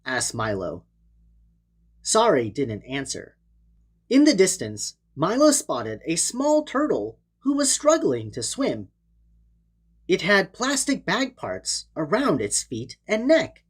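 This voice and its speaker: Here a storybook narrator gives a theatrical, dramatic read-aloud of a children's book. She speaks slowly in a lowish, slightly rough voice whose pitch swings hugely.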